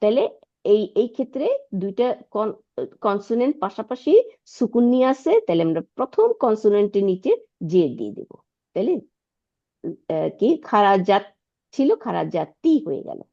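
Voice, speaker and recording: A woman's voice: mid-range voice, expressive, normal speed, pauses often, warm tone, dull audio. A woman teaching an Arabic lesson online, patiently repeating words and checking that her student follows.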